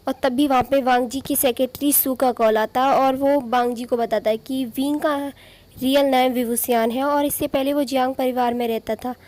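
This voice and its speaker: A woman's voice: high voice, fairly even intonation, moderate pace, darkish tone. A woman narrating a fan story in a casual, chatty way, with asides and restarts as she reads out the characters' lines. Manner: informal retelling with asides and restarts. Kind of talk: casual fanfiction retelling.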